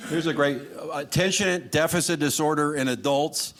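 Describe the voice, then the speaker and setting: A man's voice: a little high, moderate pace, a bit bright. A man doing live stand-up comedy with a dry, sarcastic lilt, talking to his audience. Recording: noisy live comedy show recording. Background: audience laughter and noise.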